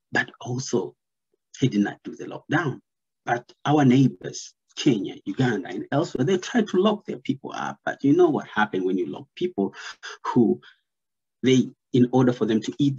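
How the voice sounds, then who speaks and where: Tanzanian man in his thirties, husky voice, earnest and filler-heavy, muffled webcam sound. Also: medium pitch, a little mellow. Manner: earnest, many fillers, gestures while talking. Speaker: commentator. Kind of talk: casual video-call commentary. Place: plain room, indoors. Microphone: laptop webcam video call.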